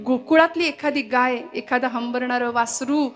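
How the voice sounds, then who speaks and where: A high-voiced woman delivers an impassioned devotional sermon and intones Sanskrit verses in a chant-like way. Faint music plays behind her. She tells her story with dramatic feeling. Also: moderate pace. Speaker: kirtan performer.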